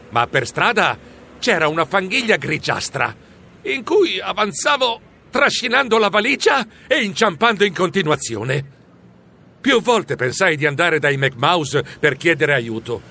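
A man reading a storybook aloud in the first person, animated and exclamatory. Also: high-pitched, gravelly, a little hiss or hum. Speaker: audiobook narrator.

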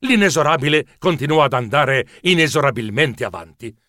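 Animated man reading a kids' story. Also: mid-range voice, normal speed, no echo, clean studio sound. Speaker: audiobook narrator. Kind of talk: scripted children's story narration.

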